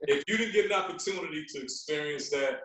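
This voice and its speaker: An American radio personality in his forties from Florida chats casually as a podcast guest, telling stories interview-style and repeating words for emphasis. His voice is a little high, fast, bright, and forceful, and the recording sounds very echoey and roomy.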